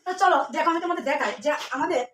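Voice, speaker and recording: In an echoey room with the mic set back, a woman with a very high, fairly bright voice teaches chemistry at a very fast clip. She asks students questions, then answers them herself, repeating the key terms, and there's a little hiss or hum.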